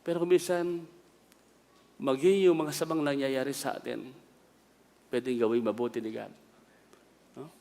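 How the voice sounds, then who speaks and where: A middle-aged Filipino man, a bishop, preaching a sermon with personal stories, often asking "Amen?" and shifting between quiet asides and loud exclamations. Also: mid-range voice, fairly even intonation, normal speed, creaky, pauses often, in a large hall. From Philippines.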